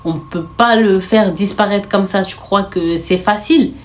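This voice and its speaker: A woman's voice: medium pitch, measured pace, a little hiss or hum, close to an everyday voice. A woman voicing an indignant older brother, incredulous and exasperated, rising into outbursts. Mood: mocking. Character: indignant older brother, man in his thirties.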